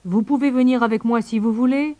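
Une femme en émeu prudent. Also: female voice, on the high side, fairly even intonation, fairly quick, dark tone, voice pushed up, close to an everyday voice. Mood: cautious. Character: cautious, helpful emu.

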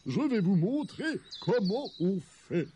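A man voicing a clumsy, cheerful male lion king in a children's audio story, speaking slowly and earnestly. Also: high voice, very animated, dark tone, a little hiss or hum, heavily acted. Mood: proud. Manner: slow, earnest, eager.

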